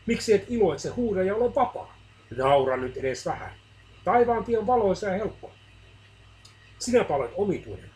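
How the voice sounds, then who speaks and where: A man's voice: high voice, sing-song, pauses often, darkish tone, pitched above the performer's own voice, poor audio. A man voicing scoffing, mocking churchgoers. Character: mocking cheerful churchgoers, scornful and shallow.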